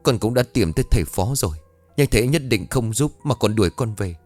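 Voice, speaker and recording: A man's voice: on the low side, expressive, quick pace, darkish tone, faint music behind, lightly acted. A man voicing a desperate young man in a ghost story who fears he is about to die. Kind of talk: audio ghost story reading.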